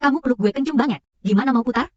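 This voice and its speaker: An actress dubbing a young female secretary in a drama series, answering back in a sharp, sulky way. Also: a little high, very fast, no room sound, dull audio, lightly acted. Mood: retorting. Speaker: dub actor. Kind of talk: Indonesian dub of a drama series.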